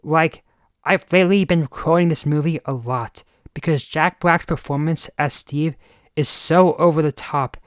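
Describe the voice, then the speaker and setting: A man's voice: on the high side, measured pace, no echo, clean studio sound. Exasperated man in his twenties ranting. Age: 20s. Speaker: movie reviewer. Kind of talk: scripted review commentary.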